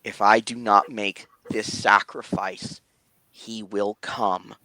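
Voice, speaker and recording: A man's voice: on the low side, flat delivery, takes it slowly, sharp tone, no echo, pitched below the performer's own voice, rough recording. A man playing a desperate old king. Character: desperate old king, father, frantic and stubborn.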